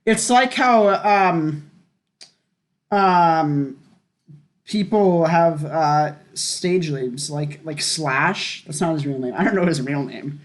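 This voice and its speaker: A teenage boy co-hosting a podcast, joking around and riffing constantly in casual chat. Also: a little high. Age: teens. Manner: goofy, joking, quick to riff and laugh. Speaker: podcast co-host.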